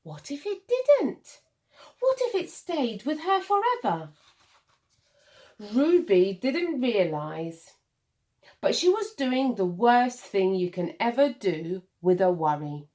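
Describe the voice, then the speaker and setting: Her pitch is on the high side and swings widely as she reads a children's picture book aloud, primary-teacher style. The delivery is expressive and mellow, with intentional dramatic pauses and emphasis aimed at young listeners.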